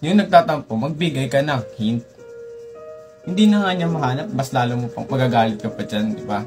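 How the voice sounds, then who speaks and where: A young man hosting a comedic tutorial, lecturing playfully and jumping up in pitch for emphasis. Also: animated, fairly quick, darkish tone, faint music behind. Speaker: tutorial host.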